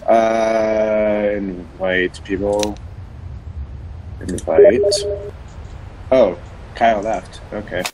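A man's voice: lowish voice, steady tone, drawn-out words, pauses often, mellow, a little hiss or hum, poor audio. A man chatting casually with a friend while playing a game, joking, teasing and restarting his sentences. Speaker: gamer recording his session. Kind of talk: casual gaming chat. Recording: game music playing behind.

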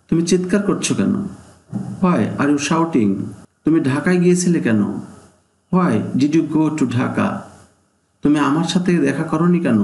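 Male teacher reading drill phrases, fairly high, gravelly voice, echoey room. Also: darkish tone. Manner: slow, deliberate reading of each sentence. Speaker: English teacher.

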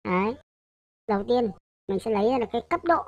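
This woman's voice is fairly high and a little mellow, with lively intonation and a fast delivery, heard over lo-fi sound. She talks her way through a casual programming tutorial loosely and hesitantly, correcting herself and often checking on her listeners.

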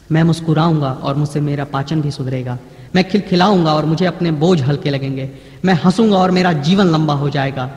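Male trainer, high voice, emphatic declaiming, recorded with long hall echo. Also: darkish tone. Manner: emphatic, declaiming with repeated slow phrases. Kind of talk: motivational lecture, reading pledges aloud. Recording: echoey hall.

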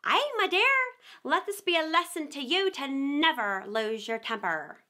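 Woman voicing an old mother crab, preachy, high and loud, storybook. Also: sing-song, measured pace, full character voice. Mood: lecturing. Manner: lecturing. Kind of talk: storybook read-aloud.

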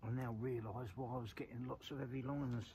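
This angler vlogger, a middle-aged man, is a fast talker with a medium-pitched voice and fairly even intonation. He chats casually to camera by a lake at night and at dawn, repeating little phrases. He's recorded on a clip-on lapel mic, and the lo-fi outdoor sound has clear background noise.

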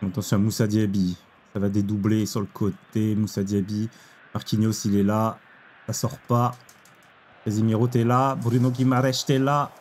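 A young man commenting on his own football video game match, excitable, exclaiming and groaning at each play. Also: fairly low pitch, moderate pace. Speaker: gaming YouTuber. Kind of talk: live gameplay commentary.

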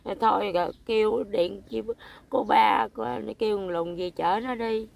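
Older Mekong Delta woman with a gravelly voice. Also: mid-range voice, fairly even intonation, darkish tone. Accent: Mekong Delta Vietnamese. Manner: halting, many fillers, quotes others in her own voice. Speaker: interviewee. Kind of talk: emotional recounting.

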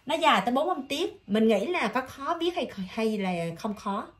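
A woman with a Southern Vietnamese accent tutoring English vocabulary one-on-one, patiently drawing words out slowly and repeating them. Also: high-pitched, lively intonation.

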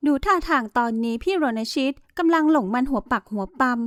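A woman's voice: high voice, expressive, fairly quick, fairly bright tone, dry recording, studio quality, voice pushed up. A woman voicing a sweet-talking, scheming young female rival in a dramatized story, speaking in a sugary, falsely humble way.

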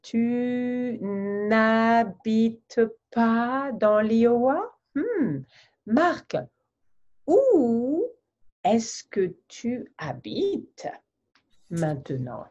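This lively host talks with a colleague over a video call, keeping her French slow and simple for learners. Her pitch is fairly high, and the webcam gives a lo-fi sound. She gestures broadly and asks exaggerated questions from a home office with a virtual background.

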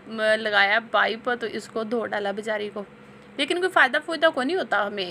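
Pakistani woman in her thirties, high bright voice, voice-over for a family vlog, teasing and amused, faint room hum behind. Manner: amused, teasing, breaks into laughter. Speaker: family vlogger and mother. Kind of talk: chatty voice-over narration.

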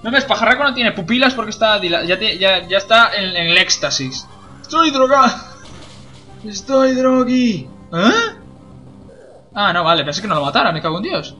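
A man's voice: high voice, fast talker, few pauses, sharp tone, faint music behind. A young man, commenting on a video game in a joking, cursing way. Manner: jokey, swears a lot, laughs at own jokes. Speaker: gameplay commentator. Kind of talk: casual let's play commentary.

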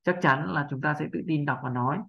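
A pronunciation teacher giving a lesson in a patient, unhurried way, drilling each syllable slowly and repeating it, and often checking in with the listeners. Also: mid-range voice, creaky, lo-fi sound. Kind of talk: instructional narration.

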